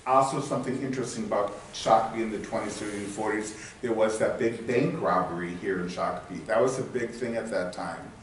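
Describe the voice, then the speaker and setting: A man's voice: fairly low pitch, fairly quick, hardly any pauses, a little hiss or hum. Rambling man in an echoey hall. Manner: rambling, searches for words with many fillers. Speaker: local history presenter. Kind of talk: casual public talk. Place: meeting hall. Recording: echoey room from far off.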